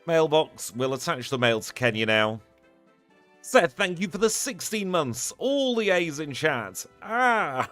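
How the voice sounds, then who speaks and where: A man's voice: fairly high pitch, very animated, measured pace, fairly bright tone, soft background music. A man wrapping up a live game stream, chatty and upbeat as he thanks his viewers one by one. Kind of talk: live stream sign-off chat.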